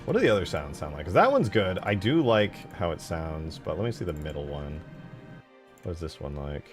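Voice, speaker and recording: A deep-voiced, very animated man, talking a little fast, shares his screen while he works on a game mod. This modder and channel host muses aloud casually, swearing as he goes, and music plays behind him.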